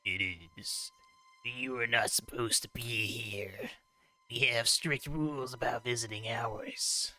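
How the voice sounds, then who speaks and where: A man reading the lines of a strict hospital nurse, slow and clipped. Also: mid-range voice, steady tone, pushed and bright. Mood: stern.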